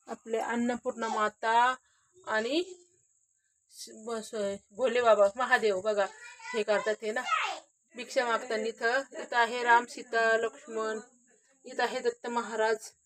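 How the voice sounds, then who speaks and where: Casting: chatty woman on a walking phone vlog, high-ish voice, dry close sound. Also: no room sound. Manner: chatty, repeats "hey bagha" often. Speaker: vlogger. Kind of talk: casual home tour vlog. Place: outdoors at a village home at dusk.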